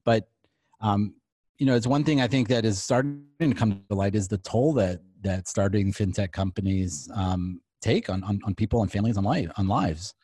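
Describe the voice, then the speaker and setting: A man hosts a podcast in relaxed casual chat. His voice is dark and a little husky, sitting fairly low, and it sounds dry and close with no room around it. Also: moderate pace, no echo. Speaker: podcast co-host.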